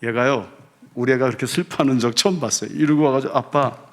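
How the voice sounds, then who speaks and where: A man's voice: medium pitch, fast talker. A middle-aged male pastor preaching in a church. He tells a personal story in a conversational, folksy way and slips English words into his speech. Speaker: pastor and seminary professor. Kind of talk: storytelling sermon. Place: church sanctuary.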